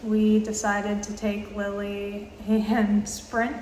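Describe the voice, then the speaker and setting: Inside a small, tiled public bathroom, a woman in her twenties records casual travel-vlog chat. Her medium-pitched delivery is slow and steady yet hesitant, peppered with fillers and pauses, and the space lends an echoey, roomy sound with faint background noise.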